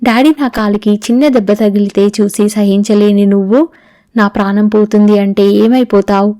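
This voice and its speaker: A woman's voice: medium pitch, fairly even intonation, normal speed, mellow, no echo, clean studio sound, lightly acted. A woman reading the diary of a young woman facing terminal illness, written to her father, in an audiobook. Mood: sorrowful.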